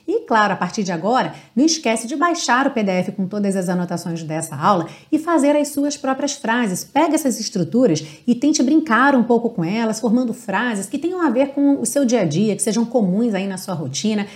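A Brazilian woman teaching English online, explaining patiently and drawing out example words slowly. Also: on the high side, animated. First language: Portuguese. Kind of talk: online English lesson on song lyrics.

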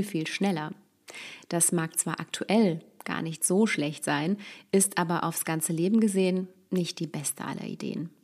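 A woman's voice: lowish voice, darkish tone. A woman host of a podcast speaking in a thoughtful, conversational way. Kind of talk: reflective podcast talk.

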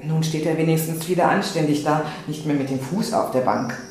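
A man giving an expressive reading of a literary inner monologue in dramatic, shifting tones, in an echoey room with faint noise. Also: on the high side, fairly quick. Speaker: reader.

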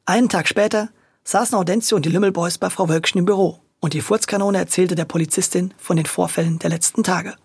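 A storyteller reading a children's audio story in a lively way. The voice is gravelly and husky, with a middling pitch. The recording is dry and close. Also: fast talker, dry recording. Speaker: narrator.

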